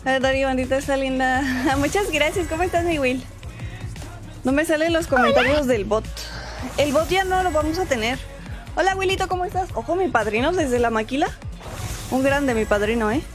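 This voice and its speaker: A woman's voice: high voice, moderate pace, music in the background. A woman with a Mexican accent streaming a game from home, chatting casually and greeting viewers by name. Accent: Mexican Spanish. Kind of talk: casual live-stream chat.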